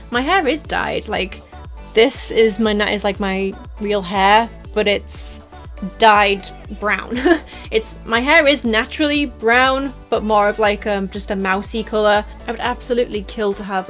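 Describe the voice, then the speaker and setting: Her medium-pitched voice carries a softened Teesside accent from northeast England as this young woman answers fan questions in a relaxed Q&A vlog. She rambles along, full of "like" and small laughs.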